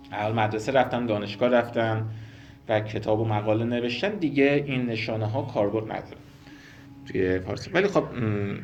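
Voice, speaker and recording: A man teaching a spoken language lesson, explaining slowly and repeating sounds and example words. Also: mid-range voice. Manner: slow, careful explanations, repeating and spelling out sounds.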